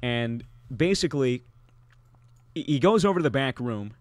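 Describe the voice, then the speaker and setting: A man's voice: medium pitch, expressive, moderate pace, no room sound. A young man telling a long story on a podcast, rambling with lots of fillers and restarts.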